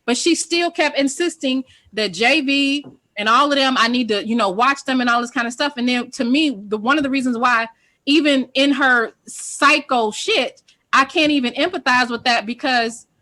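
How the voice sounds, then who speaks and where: A woman with a high, bright voice tells her side on a group call, heated and profane. She presses her points emphatically. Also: moderate pace. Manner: emphatic, profane, defensive storytelling.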